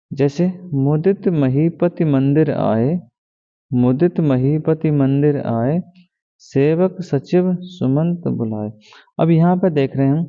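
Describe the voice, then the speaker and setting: Man teaching, tinny echoing sound. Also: fairly high pitch. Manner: asks rhetorical questions and answers them himself; repeats key words, slows down to read examples. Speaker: exam coaching teacher. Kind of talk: Hindi grammar lesson. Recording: tinny phone-like sound with long reverb.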